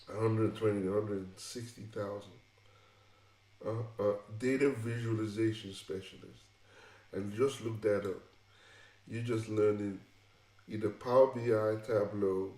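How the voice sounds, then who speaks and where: Low, mellow-voiced man in an echoey room. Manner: emphatic and repetitive, restarting phrases. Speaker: tech vlogger. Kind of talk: casual advice monologue.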